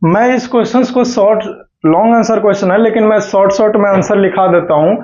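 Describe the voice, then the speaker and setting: Male English teacher, slightly high voice, keeps asking if the class follows, muffled lo-fi recording. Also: a little mellow. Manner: keeps checking in with students, slow word-by-word dictation. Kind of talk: classroom lecture with dictation. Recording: dull lo-fi recording.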